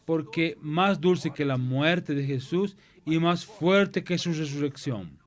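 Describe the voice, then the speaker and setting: A man's voice: fairly high pitch, slow, faint music behind. A man preaching a sermon to a Bible class. He retells the story with many repetitions and restarts. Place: church.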